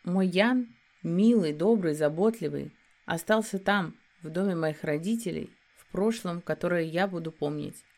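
A woman narrating a first-person fantasy audiobook in a steady storytelling delivery. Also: lowish voice, normal speed.

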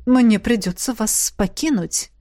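A woman's voice: medium pitch, moderate pace, darkish tone, no echo, studio quality, lightly acted. A woman voicing a smug, scheming male fairy captain whose speech drips with sweet venom. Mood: smug sugary. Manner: sugary, hissing.

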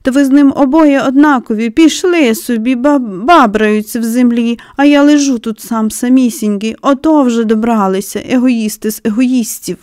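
A woman voicing a sickly, spoiled boy who whines and shouts in self-pity in a storybook reading. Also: on the high side, normal speed, no room sound, studio quality, close to an everyday voice. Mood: irritated. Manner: petulant, whining, shouting.

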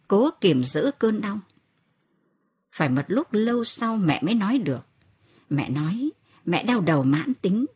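A woman reads a novel aloud as an audiobook narrator, her voice slightly husky. Her pitch moves freely and expressively through the telling, rising for the characters' cries. It is a scripted storytelling delivery. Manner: expressive reading, lifts her voice for quoted cries.

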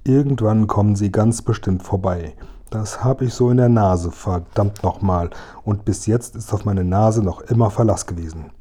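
A man voicing a gruff, greedy male robber who growls and mutters to himself in a storybook reading. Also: lowish voice, normal speed, mellow, natural voice. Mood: grumbling.

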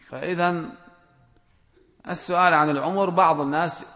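A man reads out audience questions and answers them one by one as a religious scholar, giving plain, direct rulings and gentle admonishment. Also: a little high, fairly even intonation, moderate pace. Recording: long reverb from a large hall.

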